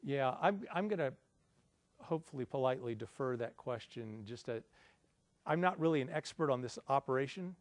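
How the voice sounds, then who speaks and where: A middle-aged man lectures at a conference in an easy, conversational way. He pokes a little fun at himself as he explains, at an ordinary pitch. The sound is dry and close, with no room echo. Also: expressive, moderate pace. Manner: conversational, explaining, self-deprecating. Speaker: conference presenter. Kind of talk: lecture with audience Q&A. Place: indoor conference room, presenting at a projector screen.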